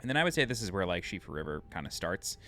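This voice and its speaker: A tired man with a New York accent gives chatty, self-deprecating commentary while playing a video game, thinking out loud as he goes. His low voice moves quickly in a sing-song, pushed, bright way.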